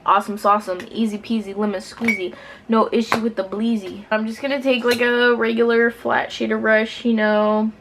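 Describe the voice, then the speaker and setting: A woman's voice: fairly high pitch, little pitch movement, moderate pace, background noise. A drunk woman chatting casually through a makeup tutorial for viewers, giggly and rambling, playful and self-deprecating with some swearing. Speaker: beauty vlogger presenting a makeup tutorial.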